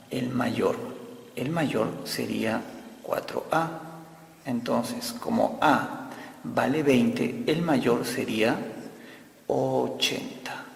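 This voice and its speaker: Here a gravelly, mid-range male voice teaches algebra, working through each problem step by step. His pace is slow, and he returns to the same key phrases while explaining. Long reverb fills the echoey room.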